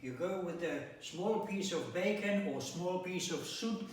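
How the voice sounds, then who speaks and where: Man, home cook, casual demo, talks while eating, slightly high voice, very echoey kitchen. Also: measured pace, recorded from a distance. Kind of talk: casual cooking demonstration. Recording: very echoey room, faint noise.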